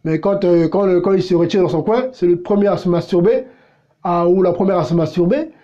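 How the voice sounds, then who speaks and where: A man's voice: sits high, a little fast, dark tone, dull audio. A pastor delivering a blunt, confrontational sermon, firing rhetorical questions at his listeners. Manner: blunt and unpolished.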